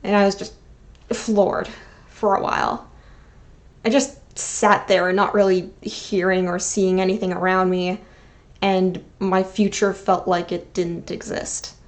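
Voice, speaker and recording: With a level, mid-range voice and a measured pace, a woman in her 20s tells a personal video essay on her own channel. The tone stays sincere and sentimental, broken up by wry self-mockery.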